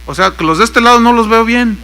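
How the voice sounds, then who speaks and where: A man's voice: extremely high pitch, a little fast, pushed and bright, clear, resonant tone. A man with a Mexican accent preaching a sermon, telling stories and acting out the dialogue, with joking asides. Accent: Mexican Spanish. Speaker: pastor. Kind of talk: sermon with anecdotes.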